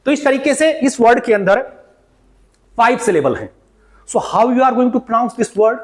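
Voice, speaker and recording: A man's voice: very high-pitched, lively intonation. A man with an Indian English accent teaching pronunciation in mixed Hindi and English, calling his viewers "beta" and repeating each word several times. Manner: slow, repeats words many times for drilling.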